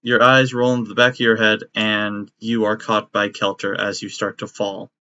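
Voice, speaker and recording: A man acting as game master, narrating a tabletop game in a steady, descriptive way. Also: fairly low pitch, normal speed. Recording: dry, slightly muffled audio.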